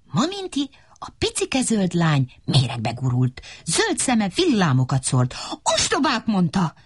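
A woman reading a children's story aloud as storyteller, animated and playful, with sound effects and character voices. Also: sits low, slightly rough, no echo, studio quality.

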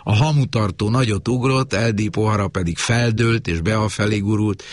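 A man reading a novel aloud in measured, scripted narration. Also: lowish voice, dry recording. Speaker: audiobook narrator.

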